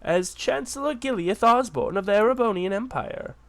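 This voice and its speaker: A man voicing a flustered young castle maid who speaks in a hurried, apologetic way. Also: sits high, expressive, no echo.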